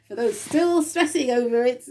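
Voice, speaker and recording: An English woman speaking in a slow, meandering spiritual monologue, often spelling out letters and pausing with little laughs. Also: sits high, darkish tone. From England.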